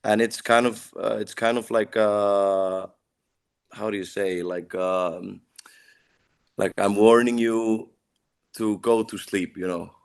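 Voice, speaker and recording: A young adult band singer with an Icelandic accent answers interview questions in casual English, which isn't his native language. His voice is fairly low, steady, slow, gravelly and smooth, and he searches for words while leaning on "like."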